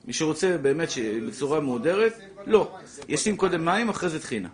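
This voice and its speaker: Animated man teaching a class. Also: on the high side. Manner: animated, repeats points, acts out little scenes. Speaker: Torah teacher. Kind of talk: lively classroom halacha lesson.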